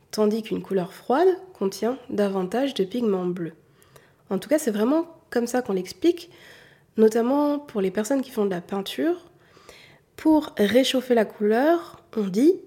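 A woman with a warm, mellow and slightly husky voice gives a patient lesson, speaking straight to the viewer. She comes from southern France and keeps only a faint trace of a southern French accent. She often circles back to repeat her main points. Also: a little high. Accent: southern French, mostly hidden. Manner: patient, addresses the listener directly, repeats key points. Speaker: colour analysis consultant. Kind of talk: explanatory talk to the viewer.

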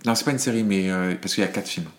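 A middle-aged man reviewing films in casual chat, hesitant, thinking aloud and restarting his sentences, explaining in a measured way. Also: deep voice. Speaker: film reviewer co-host.

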